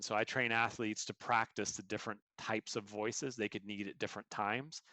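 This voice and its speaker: A man's voice: mid-range voice, a bit bright, dry recording. Earnest man coaching in a dry room. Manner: earnest, explains through stories and examples. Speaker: guest coach. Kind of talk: podcast interview answers.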